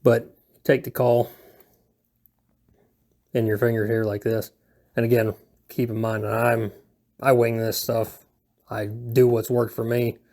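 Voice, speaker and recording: An unhurried, creaky, mid-range male voice with flat delivery, long pauses and a slightly mellow quality leads a hobby how-to at home. The video is casual and unscripted, and he rambles in a laid-back, hesitant, self-deprecating way.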